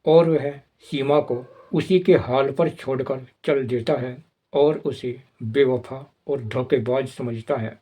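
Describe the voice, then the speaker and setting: A man narrating the plot of an old film in plain, steady storytelling. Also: mid-range voice, husky.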